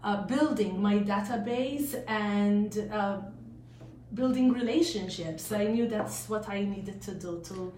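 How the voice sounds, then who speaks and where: Slow-talking Maltese-accented woman in an echoey room. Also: mid-range voice, dark tone. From Malta. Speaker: real estate agent, interview guest. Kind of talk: casual interview answers. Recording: echoey room, faint noise.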